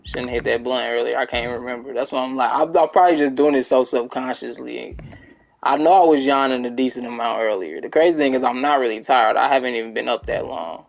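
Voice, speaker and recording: A man's voice: mid-range voice, a little fast, gravelly, poor audio. A young man chatting casually and rambling to his viewers while streaming a game. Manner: laid-back, rambling, talks to chat. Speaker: gaming streamer. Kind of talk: casual gameplay chat with viewers.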